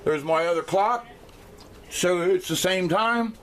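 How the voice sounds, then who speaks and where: Speaking in a high voice, a man who vlogs as an amateur explains things casually to the camera from beside a window in his home. His speech stumbles and circles back on itself, hesitant and a bit slurred from a swollen mouth. It's a noisy recording made on a handheld camera's microphone.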